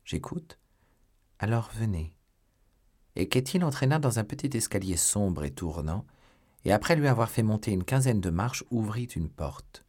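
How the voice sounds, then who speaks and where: A man narrating a classic novel as an audiobook. His voice is deep and husky, and his reading is measured and expressive.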